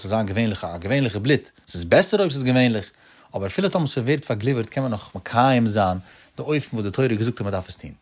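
A man giving a traditional Talmud study lecture, in a sing-song, emphatic delivery with animated rises. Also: medium pitch. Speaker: Talmud teacher.

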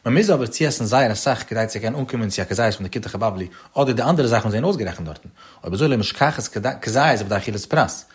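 A man's voice: lowish voice, animated, very fast, slightly rough. A man teaching a Talmud lesson in a lilting study chant that rises on his questions.

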